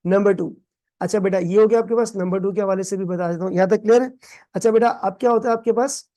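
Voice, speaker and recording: A man teaches in a recorded exam-prep lecture. His voice is warm and mellow, and he mixes English terms into playful everyday examples. He keeps asking his students questions and repeating the answers back. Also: high-pitched, fairly even intonation, fast talker. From Pakistan. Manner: calls students "beta", quizzes them with call-and-response questions. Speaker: accounting tutor.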